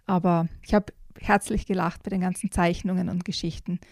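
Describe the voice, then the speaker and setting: A woman presenting children's books in casual, enthusiastic chat with plenty of fillers. Her voice is mellow and warm, recorded dry and close. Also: fairly low pitch, little pitch movement, fairly quick, dry recording. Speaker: children's book reviewer.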